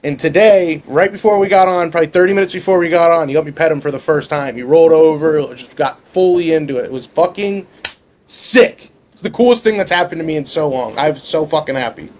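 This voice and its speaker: A man co-hosting a podcast in casual chat, excitable and swearing freely. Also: fairly high pitch, a little fast, a little hiss or hum. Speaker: podcast co-host.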